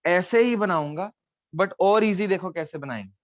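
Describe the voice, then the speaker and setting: A man's voice: sits high, lively intonation, moderate pace, dry recording, lo-fi sound. A man teaching a script lesson step by step, patiently checking that his students follow. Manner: patient, explains step by step, checks with "theek hai". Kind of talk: online Gurmukhi lesson at a board.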